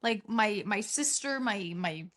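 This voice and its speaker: A young woman hosts a podcast in casual chat. She rambles, restarts her sentences and laughs often, and her voice sits at a middling pitch. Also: expressive, a little slow, fairly bright tone. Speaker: podcast host.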